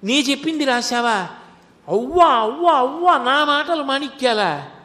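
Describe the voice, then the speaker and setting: A man's voice: very high voice, big pitch swings, a little slow, bright, forceful tone, voice pushed up, full character voice. A man voicing an ecstatic elderly male saint who calls out in overwhelmed, tearful praise, in a long-reverb hall. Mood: ecstatic awe.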